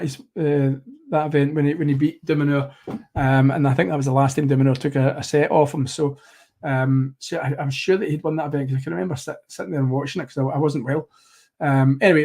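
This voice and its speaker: A slightly hoarse man with a fairly high pitch and a darkish tone hosts a live tennis watchalong. His play-by-play commentary rambles and keeps doubling back to correct itself.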